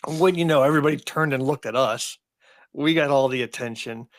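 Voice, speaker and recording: A man in his fifties co-hosts a podcast, talking in a mid-pitched voice and drifting into long, rambling stories. The sound is dry and close, with no room around it. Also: fairly quick, no echo. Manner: rambling anecdotal storyteller. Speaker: podcast co-host. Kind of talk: casual chat.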